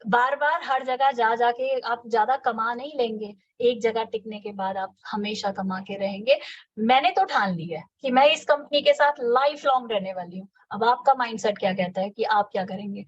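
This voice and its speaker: A woman giving a fast, energetic motivational sales training talk, repeating her key words. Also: on the high side. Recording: slightly dull lo-fi audio.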